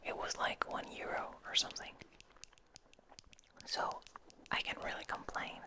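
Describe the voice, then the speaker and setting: A woman hosts an ASMR session, whispering gently and intimately with a breathy, unhurried delivery.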